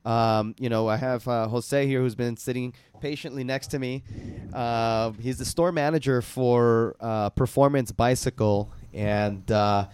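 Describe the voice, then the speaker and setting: A man's voice: mid-range voice, measured pace, clear, resonant tone. A man hosting a radio talk show, chatting casually and upbeat with lots of fillers. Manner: relaxed, filler-heavy, upbeat.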